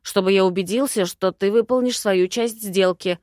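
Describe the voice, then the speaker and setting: A woman's voice: medium pitch, normal speed, a little mellow, no room sound, clean studio sound, natural voice. A woman reading a cocky young immortal man. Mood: assured.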